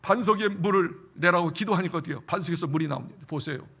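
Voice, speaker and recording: A male pastor with a notably high, bright, ringing voice preaches with animation. He keeps asking the congregation questions, then answers them himself and calls for amens. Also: fast talker. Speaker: senior pastor. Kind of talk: sermon. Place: church sanctuary.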